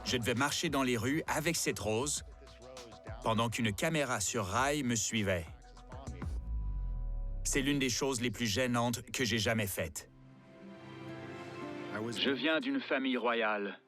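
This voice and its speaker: A man calmly recounting, with some regret, his time as the star of a reality show, in a dubbed documentary interview. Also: mid-range voice, slow, long pauses, music in the background. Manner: calm, rueful first-person recounting.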